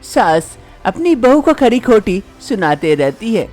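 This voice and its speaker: Woman narrating an animated drama. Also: medium pitch, slow, faint music behind. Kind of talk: storytelling narration.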